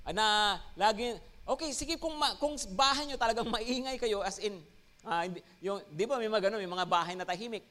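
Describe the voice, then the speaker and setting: A man's voice: high-pitched, normal speed. A man with a Filipino accent preaching a sermon as pastor. He switches between Tagalog and English and often checks in with "no?" and "Amen?". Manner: lively, rising emphasis on key words.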